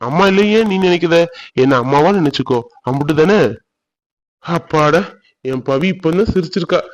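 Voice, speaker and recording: A man voicing a doting young village man in a cartoon, gentle and coaxing. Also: a little high, normal speed, no echo, lightly acted. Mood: soothing. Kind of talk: cartoon voice acting.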